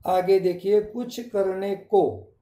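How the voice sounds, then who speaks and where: A man's voice: sits high, steady tone, slow pace, mellow, echoey room. A male school teacher giving a recorded grammar lesson, explaining step by step and repeating each answer.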